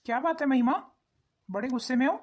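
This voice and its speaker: A woman voicing a husband in a cartoon, talking in a quick, lecturing manner. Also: high voice, a little mellow. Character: husband, a grown son of the family.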